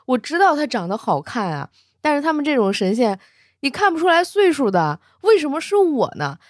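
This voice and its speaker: A woman's voice: medium pitch, sing-song, fast, darkish tone, dry recording, studio quality, voice pushed up. A woman voicing a stubborn, tearful young male dragon prince in a told story, sounding whiny and indignant. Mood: tearful complaint.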